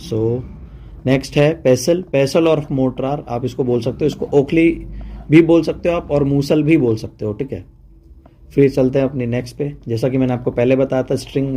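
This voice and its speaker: A man teaches a relaxed online lesson in a mellow, warm voice of middle pitch. He talks in a chatty, easygoing way and keeps checking in with his listeners as he goes. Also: a little hiss or hum. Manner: chatty, mixes Hindi and English, says "ठीक है" often.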